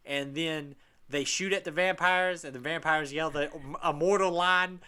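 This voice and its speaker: A man's voice: fairly high pitch, fairly even intonation, normal speed, pushed and bright, clear, resonant tone. A man co-hosting a podcast, chatting casually and animatedly retelling game scenes with laughter. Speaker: podcast co-host.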